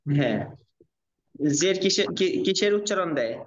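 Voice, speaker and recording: A man's voice: high-pitched, animated, normal speed. Patient man drilling letter sounds. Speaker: Quran reading teacher. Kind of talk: online class lesson. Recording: dull lo-fi audio.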